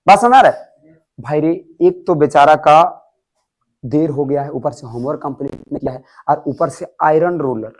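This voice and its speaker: A man's voice: fairly high pitch, moderate pace, rough recording. A young man teaching a class, explaining an English story and asking students again and again if they follow. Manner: animated, quizzes students with repeated questions.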